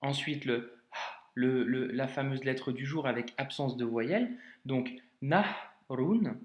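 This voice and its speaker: A man teaching Arabic reading in a casual video lesson, speaking informally to the learner with many hesitations and slowing down to sound out words syllable by syllable. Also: medium pitch, reverberant, muffled recording.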